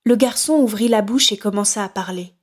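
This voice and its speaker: A woman reading a horror novel aloud in steady, measured scripted narration. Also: medium pitch. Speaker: audiobook narrator.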